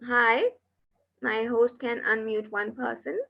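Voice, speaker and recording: A woman's voice: fairly high pitch, little pitch movement, slow, gravelly. Patient woman teacher on an online class, her voice breaking up over a muffled call line. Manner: patient, step-by-step explaining with fillers.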